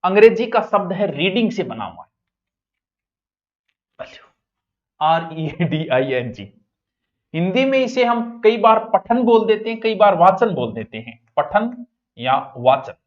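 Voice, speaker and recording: A man teaching an exam coaching class in a lively, joking way, often moving between loud and soft speech. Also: sits high, measured pace, long pauses, highs cut off.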